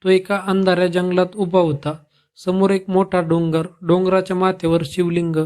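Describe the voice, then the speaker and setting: A man tells a devotional tale in a high voice. His delivery is steady and even, with very little rise and fall. The effect is calm, scripted storytelling. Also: normal speed.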